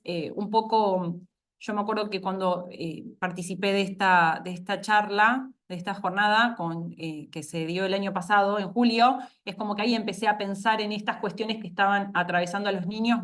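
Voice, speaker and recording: A woman speech therapist presenting in an online talk, halting and thinking aloud as she goes. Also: medium pitch, fairly bright tone. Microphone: video call.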